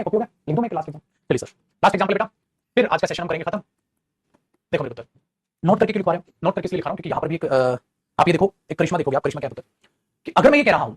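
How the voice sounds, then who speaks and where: Quick, playful grammar teacher. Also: male voice, a little high, husky. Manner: lively, playful, addresses students as beta and guruji, acts out student voices. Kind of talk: online grammar lesson.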